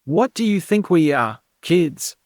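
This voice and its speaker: Narrator putting on a raging uncle, raised voice, lively swings, audiobook figure. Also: male voice, a little high, a little slow, no echo, clean studio sound, pitched above the performer's own voice. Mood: furious. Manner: shouting, furious. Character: angry hungry adult male uncle.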